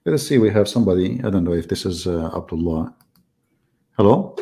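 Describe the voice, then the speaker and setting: A man's voice: deep voice, lively intonation, brisk, vocal fry, warm tone. A man with an Arabic accent hosts a heated live-stream debate, repeating himself and talking over the caller. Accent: Middle Eastern Arabic. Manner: repetitive, interrupting, emphatic.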